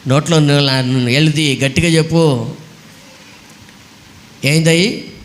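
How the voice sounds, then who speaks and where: A man, a pastor, preaching a sermon and demanding the congregation answer loudly. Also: fairly high pitch, fairly even intonation, slow, slight background noise. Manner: scolds children to sit quietly.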